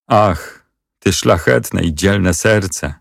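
A man's voice: low-pitched, drawn-out words, gravelly, dry recording, clean studio sound, heavily acted. A man voicing an indignant young king, commanding and outraged. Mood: grieving, vengeful. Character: indignant boy king, proud and wrathful.

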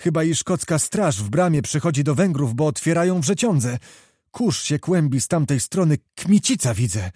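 A man voicing a small, fiery male knight who calls out battle news in an excited, breathless way. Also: on the high side, normal speed, dry recording, studio quality.

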